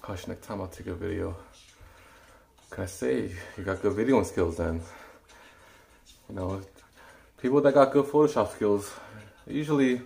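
A man's voice: lowish voice, normal speed, creaky, long pauses, a little mellow. A young man streaming a workout, chatting casually with viewers and short of breath from exercising. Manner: talks to chat while exercising, counting reps under his breath. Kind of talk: casual live-stream chat during a workout.

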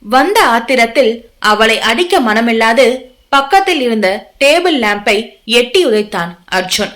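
A woman's voice: a little high, lively intonation, measured pace, a bit bright. A woman narrating a romance novel with dramatic, emotive storytelling. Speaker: audiobook narrator.

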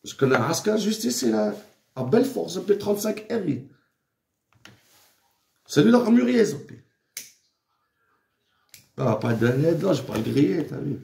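Gravelly, lively talking man. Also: fairly high pitch, measured pace, long pauses, roomy sound. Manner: slangy, mixes in Arabic phrases, repeats words. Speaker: father addressing his daughter. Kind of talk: casual rambling monologue.

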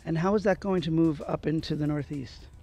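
Gravelly-voiced male interviewer outdoors. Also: a little high, fairly quick, warm tone. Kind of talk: on-site interview. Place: outdoors on a sunny farm lawn. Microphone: handheld microphone.

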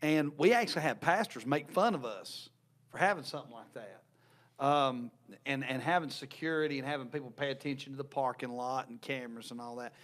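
A man's voice: medium pitch, fairly quick, fairly bright tone. A man, a youth pastor co-hosting a casual podcast talk, earnest and restarting his words often, speaking into a desk mic in a small church room. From North Carolina, USA. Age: 30s. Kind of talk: casual chat. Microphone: desk mic on a stand.

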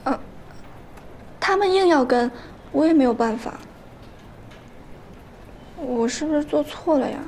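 A woman's voice: high voice, expressive, a little slow, pauses often, darkish tone, a little hiss or hum. An actress in her twenties playing a sweet young girlfriend in a TV drama, pleading in a coquettish, whiny way. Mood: coy, apologetic. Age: 20s. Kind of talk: TV drama acting. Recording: background music.

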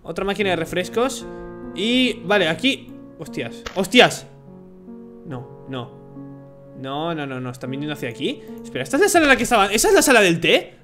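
A young man from Spain with a Spanish accent, commentating a horror game, jumpy, swearing and shouting when startled. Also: high voice, big pitch swings, moderate pace. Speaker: gaming YouTuber. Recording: game music behind voice.

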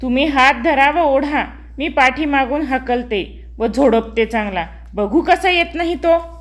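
Brief: stern storybook mother who barks sharp orders, high and tense, read by a woman narrator. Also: measured pace. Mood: angry, scolding. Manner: loud, scolding, sharp commands. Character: stern village mother scolding her son.

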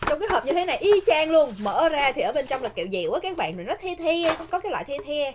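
A woman in her thirties talks quickly in a fairly high voice with a Southern Vietnamese accent. She chats casually as a mukbang co-host, repeating little phrases, over clearly audible noise and crinkling wrappers. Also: sing-song. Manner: repeats short words and phrases. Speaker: snack tasting show co-host. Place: small indoor set with curtained backdrop.

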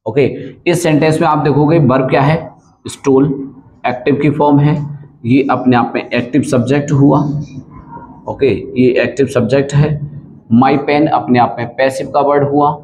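A man's voice: medium pitch, steady tone, moderate pace, darkish tone, poor audio. Man, grammar teacher, explains step by step, checking questions, faint background hiss. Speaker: English teacher. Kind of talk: grammar lesson.

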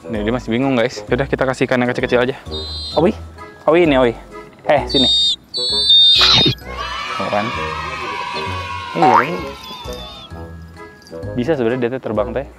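A man's voice: medium pitch, normal speed, pauses often, over music. Chatty man vlogging with his pet. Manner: chatty, excitable, keeps addressing viewers. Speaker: animal vlogger. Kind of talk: casual vlog chatter.

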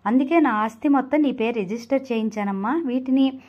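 A woman's voice: fairly high pitch, fairly quick, dull audio, close to an everyday voice. A woman reading a pleading remorseful father. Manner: earnest, pleading storybook reading.

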